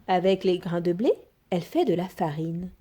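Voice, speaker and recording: A woman reading a children's fairy tale aloud in an expressive, sing-song storytelling manner. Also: fairly low pitch, moderate pace, breathy edge.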